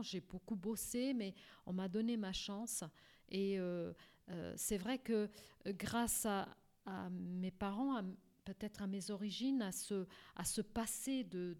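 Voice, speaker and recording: A middle-aged woman from Portugal answers interview questions about her life. She talks haltingly, with frequent fillers and repeated words. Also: medium pitch, a little mellow. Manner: hesitant, many fillers and restarts. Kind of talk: personal life story interview.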